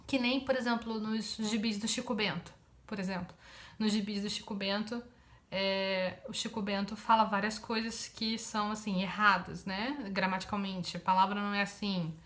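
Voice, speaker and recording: A woman from Rio de Janeiro with a Carioca Brazilian Portuguese accent, explaining a language point in a casual lesson, pausing often with fillers. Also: medium pitch, steady tone, a bit bright. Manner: hesitant, many filler pauses. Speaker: Japanese teacher.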